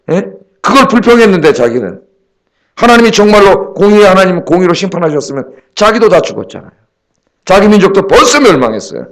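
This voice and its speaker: Middle-aged pastor, fairly high voice that swoops all over, keeps asking the crowd "yeah?". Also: male voice. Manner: lively preaching, acts out quoted voices, asks the congregation "예?". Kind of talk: dawn service sermon.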